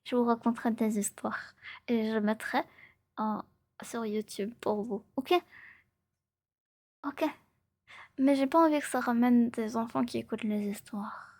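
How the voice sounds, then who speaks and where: A woman in her 20s live streams, chatting in a playful, casual way and often slipping into a soft, breathy ASMR whisper while repeating her phrases. Her voice is on the high side with a steady tone, and she takes her time, leaving long pauses.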